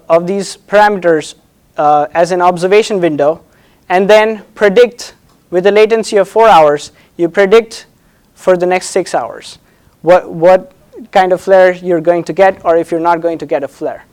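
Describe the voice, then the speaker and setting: A man presenting an academic thesis defense as a doctoral candidate, hesitant and halting, often repeating words and checking in with "right?". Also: high voice, a little mellow.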